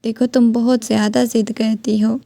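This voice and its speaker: A woman's voice: on the high side, level tone, creaky, dark tone, no echo. A woman reading the lines of a stern, defensive young husband in a firm, reasoning voice.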